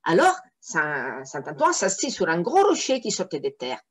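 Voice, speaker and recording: Animated woman reading a children's tale. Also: lowish voice, normal speed, noisy background. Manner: animated, stops to explain words to listeners. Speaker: storyteller.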